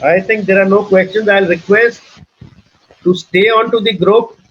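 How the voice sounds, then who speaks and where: Husky-voiced Indian man hosting a webinar. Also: high-pitched, fairly even intonation, normal speed. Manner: earnest, advisory, restarts sentences and repeats points. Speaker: webinar host and trainer. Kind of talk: casual teaching talk in a webinar. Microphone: video call. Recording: muffled online call audio.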